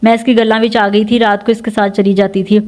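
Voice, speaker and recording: A woman's voice: mid-range voice, level tone, darkish tone, lightly acted. A woman voicing a wronged, grieving young village wife, accusing and pleading.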